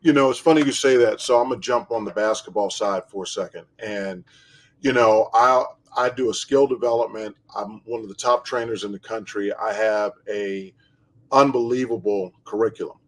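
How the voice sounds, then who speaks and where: A man hosting an interview and asking questions in a measured, reflective way; he also trains basketball players. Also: on the low side, poor audio. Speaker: show host, basketball trainer. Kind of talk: casual interview talk.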